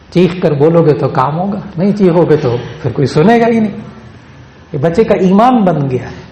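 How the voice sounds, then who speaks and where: A man's voice: a little high, a little mellow. A male Islamic scholar giving a sermon, repeating phrases for emphasis and reciting verses in a melodic chant. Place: Lahore. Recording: echoey hall with faint ambience.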